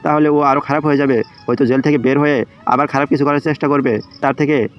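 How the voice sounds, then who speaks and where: Measured, merciful middle-aged father played by a male narrator for romantic audio drama, music underneath. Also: medium pitch, fairly even intonation, lo-fi sound, lightly acted. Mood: calm, reasoning. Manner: reasoning, measured. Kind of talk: romantic audio story acting.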